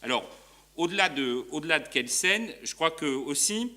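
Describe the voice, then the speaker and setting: A man's voice: on the high side, expressive, normal speed, bright, forceful tone. A man giving an academic conference talk as a law professor, hesitant, with frequent fillers and restarts. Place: university lecture hall.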